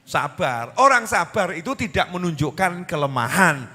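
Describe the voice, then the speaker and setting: Lively Javanese-accented man preaching. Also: fairly high pitch, normal speed, long reverb tail, faint music behind. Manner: lively, animated, asks the audience questions. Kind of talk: sermon.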